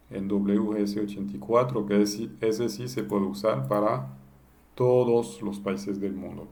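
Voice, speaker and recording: A man giving a step-by-step software lesson, posing questions and answering them himself. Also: lowish voice. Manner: explains step by step, asking and answering his own questions. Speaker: instructor. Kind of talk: screen-recorded software tutorial.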